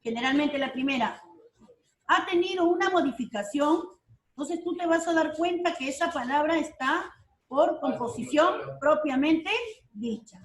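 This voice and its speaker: A woman teacher giving an online lesson, who explains slowly, repeats key terms and keeps checking that her students follow. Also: high voice, recorded from a distance. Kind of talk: online class lecture. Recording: roomy sound from off the mic.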